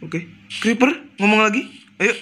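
A young man from Indonesia giving casual, excitable gameplay commentary for his channel, chatty and quick to exclaim. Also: high voice, noisy background. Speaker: gaming YouTuber. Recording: game music loud behind voice. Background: game music and sound effects.

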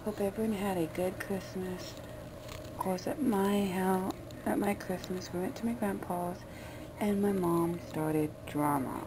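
A woman's voice: medium pitch, fairly even intonation, measured pace, background noise. A woman vlogger talking loosely and chattily as she shows off her gifts, recorded on a phone. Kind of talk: casual haul vlog.

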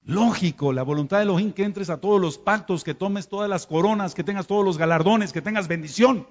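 A Mexican Spanish-accented man preaches with emphatic rhetorical questions, dropping quiet and then surging loud. His voice sits fairly high. The recording is dull and lo-fi, with a long reverb from a large hall. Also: fairly quick. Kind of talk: sermon.

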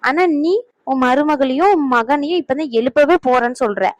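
A woman's voice: sits high, moderate pace, no echo, natural voice. A woman voicing a young married daughter in a cartoon, sulky and complaining. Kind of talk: cartoon voice acting.

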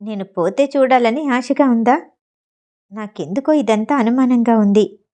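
A woman voicing a suspicious, cautious young man who talks in a low, measured way. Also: warm tone, close to an everyday voice. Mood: wary.

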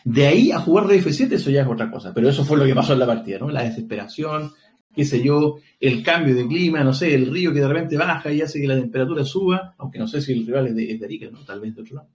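A man's voice: mid-range voice, lively intonation, quick pace, darkish tone. A man hosting a live stream, analyzing a chess game in a chatty, joking way and thinking aloud.

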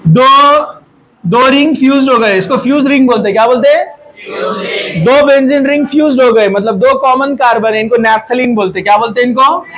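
A man's voice: very high-pitched, a bit bright, poor audio. A man teaching a chemistry class in Hindi. He quizzes the students, scolds them and jokes with them. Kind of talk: classroom lecture.

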